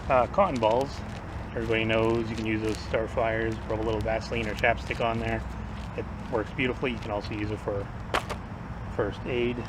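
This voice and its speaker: Distant, low-voiced man talking slightly funny outdoors. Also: little pitch movement, fairly quick. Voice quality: slightly impaired speech after tooth extraction. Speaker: survival gear vlogger. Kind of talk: casual product rundown to camera. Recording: distant mic, noisy outdoor ambience.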